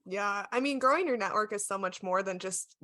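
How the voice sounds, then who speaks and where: A woman hosting a podcast interview, warm and enthusiastic, saying "like" often. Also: medium pitch, brisk. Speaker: podcast host. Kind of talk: casual interview chat.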